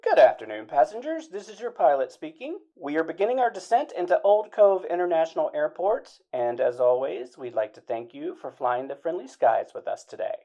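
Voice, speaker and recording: A woman's voice: low-pitched, sing-song, fairly quick, few pauses, mellow, full character voice. A woman voicing an airline pilot over the intercom. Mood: formal. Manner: formal announcer's delivery. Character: airline pilot making a cabin announcement. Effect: over the plane's intercom. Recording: dull lo-fi intercom sound.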